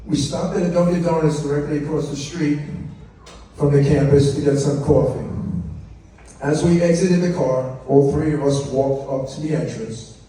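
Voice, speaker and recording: A man's voice: on the high side, steady tone, normal speed, dark tone. A middle-aged man, the father of the bride, tells a humorous, anecdotal story in a prepared wedding speech, acting out the remarks he quotes. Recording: echoey room, distant mic, faint noise.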